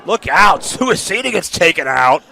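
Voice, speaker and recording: A man's voice: sits high, sing-song, normal speed, gravelly, low-quality recording. A man doing play-by-play as a lucha libre announcer, calling the wrestling moves in clipped phrases. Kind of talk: lucha libre match commentary. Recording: loud noise around the commentary.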